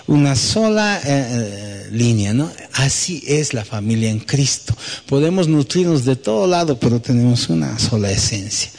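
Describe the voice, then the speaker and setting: A man's voice: medium pitch, darkish tone, in a large hall. A man preaching a sermon as pastor, telling a personal story and asking rhetorical questions with frequent "¿no?" tags.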